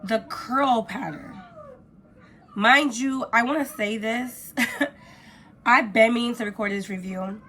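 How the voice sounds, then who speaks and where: A woman vlogger, hoarse from a cold, giving an informal, gushing product review to camera. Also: fairly high pitch, takes it slowly, long pauses, pushed and bright, slight background noise. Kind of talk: casual chatty review to camera.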